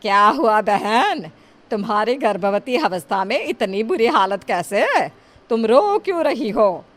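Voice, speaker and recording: A woman's voice: fairly high pitch, very animated, measured pace. A woman voicing a stern, motherly elder who cares for a child and gives firm warnings. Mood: caring.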